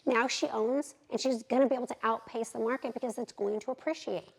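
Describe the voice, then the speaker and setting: A realtor in her thirties, telling animated, candid stories as a podcast guest. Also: fairly high pitch, fast talker, gravelly, slightly rough, poor audio. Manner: animated, candid, acts out quotes. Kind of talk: lively storytelling in an interview.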